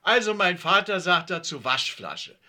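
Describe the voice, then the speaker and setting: A man's voice: high voice, very animated, a little slow, bright, forceful tone, pitched above the performer's own voice, exaggerated voice. A man voicing an earnest schoolboy who explains a homemade experiment. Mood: earnest explaining.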